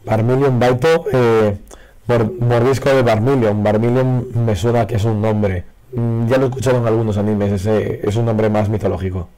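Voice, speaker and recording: Man, hoarse, losing his voice, excitable card game commentary. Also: on the low side, moderate pace. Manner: excitable, reacts loudly to pulls. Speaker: card game video creator. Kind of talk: casual pack-opening commentary. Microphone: faulty broken microphone.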